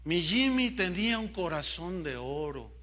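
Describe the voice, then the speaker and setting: A man's voice: high-pitched, very animated, unhurried, a bit bright, full character voice. Man voicing a sobbing grieving mother. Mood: anguished. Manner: sobbing cries, pleading questions. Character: grieving young widowed mother crying out.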